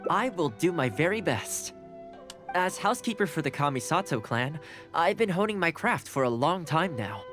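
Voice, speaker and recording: A friendly young housekeeper in a video game. He talks in an easygoing, earnest way with lively pitch. Soft music sits behind him. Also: moderate pace. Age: young adult.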